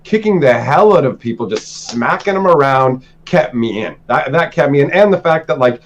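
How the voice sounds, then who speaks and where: A man's voice: mid-range voice, moderate pace, slight background noise. A man in his forties, a guest telling stories in a playful, teasing way, with dull lo-fi audio. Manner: animated, playful, teasing storyteller. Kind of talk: casual storytelling.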